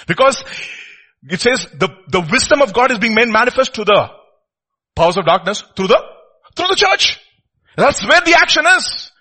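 A man's voice: very high-pitched, very animated, moderate pace, pauses often, pushed and bright. A man with an Indian accent preaching informally, repeating short phrases and putting rhetorical questions to his listeners.

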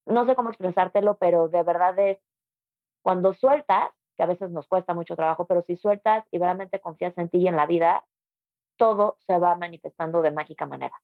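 A woman's voice: lowish voice, brisk, no echo, narrow, tinny audio. A woman with a Mexican accent, a yoga teacher talking as a guest in a casual interview, emphatic and conversational.

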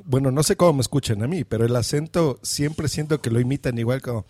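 A man's voice: medium pitch, fast talker, mellow. A man with a Mexican accent, co-hosting a podcast, asking playful questions in casual chat. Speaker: podcast co-host.

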